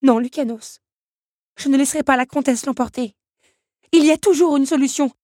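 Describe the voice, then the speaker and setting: Lady voicing a scared young woman in a storybook, breathless, yelps high and loud, kinda husky. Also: unhurried, no room sound, studio quality. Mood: determined. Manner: breathless, panicky, high-pitched cries. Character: frightened young woman fleeing stone lions. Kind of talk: storybook reading.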